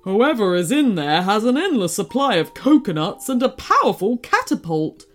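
A woman's voice: mid-range voice, big pitch swings, normal speed. A woman voicing a small, brave male cotton dog who speaks urgently and emphatically.

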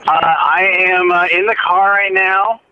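A man calling in to a radio show over the phone while driving his car on the highway. He talks in a hesitant, laid-back way and fills his sentences with "uh.". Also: fairly even intonation, a little slow, smooth. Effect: calling in over a phone line. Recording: muffled phone call with faint road noise.

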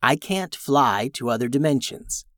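A grumpy female crystal dragon, grumbling low and quiet, irritated by visitors and eyeing the horses as snacks, as a storyteller puts her on. The voice sits close and dry, with no room around it. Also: expressive, unhurried, no echo.

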